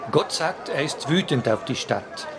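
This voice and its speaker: A man's voice: on the high side, noisy background. A man playing a sneering townsman. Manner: sneering, laughing. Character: mocking townsman, scornful and jeering. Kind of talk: children's audio story.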